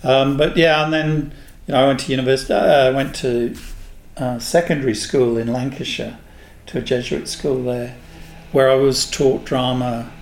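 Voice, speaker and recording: A man in his sixties from England, a guest in an interview, telling unhurried stories about his past. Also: mid-range voice, steady tone. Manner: unhurried, anecdotal storyteller. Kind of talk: reminiscing in a casual interview. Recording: echoey room with faint noise.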